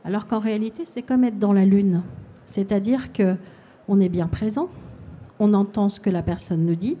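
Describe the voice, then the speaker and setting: A woman hypnotherapist giving a calm, explanatory public talk and answering audience questions at a fair. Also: medium pitch, normal speed.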